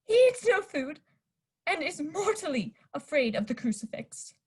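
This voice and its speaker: A woman's voice: high voice, big pitch swings, moderate pace, very noisy. A young woman playing a frightened young male traveler who reads out his diary in a student radio play. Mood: fearful. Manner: earnest diary narration, rising to panic.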